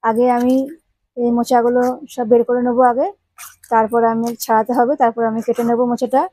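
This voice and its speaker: A woman hosts her own home cooking video, talking directly to her viewers and walking them through each step. Her voice sits a little high with a soft, mellow tone. The sound is dry and close, with no room echo. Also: little pitch movement, a little fast. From Bengal. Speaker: home cooking channel host. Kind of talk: casual cooking demonstration.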